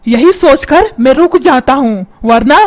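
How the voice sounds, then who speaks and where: A woman voicing a short-tempered middle-aged cartoon father who yells and scolds his family. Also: high voice, lively intonation, unhurried. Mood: complaining. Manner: yelling, scolding, self-pitying. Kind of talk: cartoon voice acting. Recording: music playing underneath.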